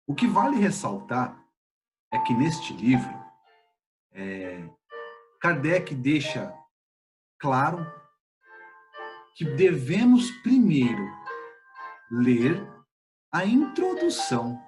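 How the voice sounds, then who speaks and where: Speaking at medium pitch, a man with a Brazilian Portuguese accent delivers a spiritist study lecture. His pace is measured and halting, full of pauses and filler sounds.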